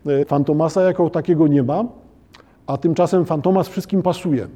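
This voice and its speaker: Guy lecturing on literature, kinda high but really dark mellow voice, lots of uh pauses. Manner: halting, with frequent "e" hesitations and restarts; addresses listeners formally and checks understanding.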